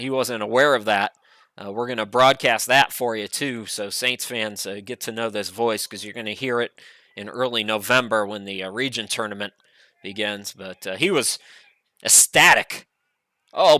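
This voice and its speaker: Male play-by-play commentator, middle-aged, bright tone, close and dry, chatty remote caller. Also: fairly low pitch, dry recording. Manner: relaxed, chatty, frequent "uh" fillers. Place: home studio.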